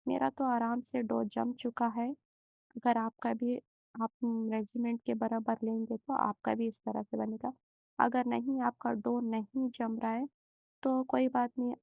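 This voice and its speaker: A young woman hosting a home cooking channel, walking through a recipe step by step in a slow, gentle way with many hesitations. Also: on the high side, gravelly, no echo, narrow, tinny audio.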